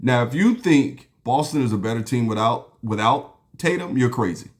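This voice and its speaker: At a moderate pace and medium pitch, a man rambles casually through his solo basketball talk show. He's relaxed and drinks a beer while speaking, often saying um and starting over.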